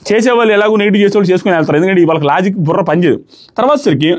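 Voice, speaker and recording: A young man giving rapid, argumentative commentary as a reality show reviewer, often asking rhetorical questions. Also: high voice, lively intonation.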